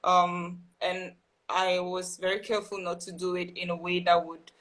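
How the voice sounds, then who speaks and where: Speaking at a moderate pace, the young Burkinabé guest writer keeps her lowish, slightly bright voice completely flat in this casual live-stream conversation. She remains earnest and thoughtful on the video call, with many ums and restarts.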